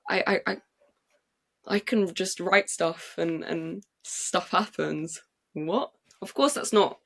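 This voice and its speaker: A young English woman, a playwright and actress, shares her story in a casual interview on a podcast recording. She's excited and chatty, with lots of fillers and restarts, speaking at medium pitch with vocal fry.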